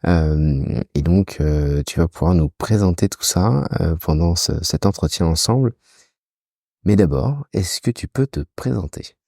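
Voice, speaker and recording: A man hosting a casual podcast interview in a deep, mellow voice. He talks haltingly, with frequent fillers. The recording is dry and close. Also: animated, creaky, dry recording. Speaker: podcast host.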